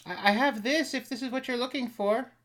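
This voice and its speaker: A man's voice: very high-pitched, fairly quick, a bit bright. A game master voicing a chatty, flustered female shopkeeper who rambles with lots of fillers.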